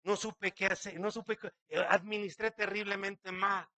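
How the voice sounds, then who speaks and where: A man's voice: sits high, flat delivery, moderate pace, pushed and bright, dry recording. A man, a pastor preaching a sermon dramatically, acting out quotes and asking many rhetorical questions.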